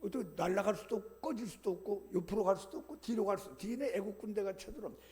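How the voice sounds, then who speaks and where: A man's voice: high-pitched, quick pace, dark tone. A male pastor delivering a Sunday sermon, urging his congregation with emphatic, repeated calls. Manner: emphatic, repetitive exhortation with rising calls.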